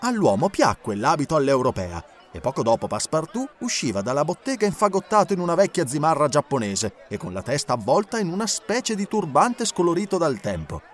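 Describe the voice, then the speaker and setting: A man reading a novel aloud as narrator, in an expressive, lilting way. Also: on the high side, a little fast, hardly any pauses, faint music behind. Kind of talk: audiobook reading.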